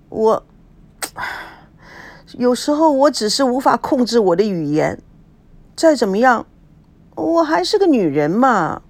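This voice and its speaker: A woman's voice: on the high side, full character voice. A woman doing a brash, scolding middle-aged woman. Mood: flustered. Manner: brash and scolding, dramatic outbursts. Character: loud, nosy middle-aged woman, quick to anger.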